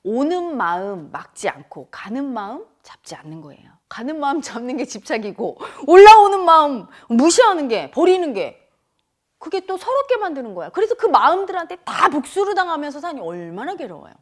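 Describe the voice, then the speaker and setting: Her voice sits high and moves at a moderate pace as this middle-aged woman, a meditation teacher, talks spiritually about the mind. Animated, she addresses the audience head-on and performs the mind's inner voices.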